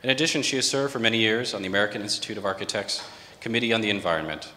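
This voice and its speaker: In a reverberant event space with faint ambient noise, a man with a lowish, bright, forceful voice hosts a panel as the company CEO. He rattles through a sponsor introduction and the moderator's prepared bio, with slight hiss or hum on the audio.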